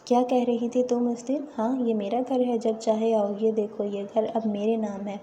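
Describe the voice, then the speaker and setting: A woman's voice: a little high, flat delivery, dark tone, lo-fi sound, a little hiss or hum, close to an everyday voice. A woman reading as a spiteful, taunting rival. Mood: gloating.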